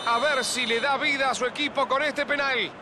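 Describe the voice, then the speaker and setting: A man playing an excitable video game football commentator, calling goals with drawn-out shouts and rapid repeats over stadium noise. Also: very high-pitched. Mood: excited. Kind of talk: excited goal commentary of a penalty shootout. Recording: clear stadium noise behind.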